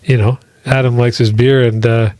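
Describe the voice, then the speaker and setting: A man's voice: mid-range voice, little pitch movement, moderate pace, darkish tone, dry recording. Middle-aged man, podcast host, rambling casual chat, fatherly asides, dry close sound.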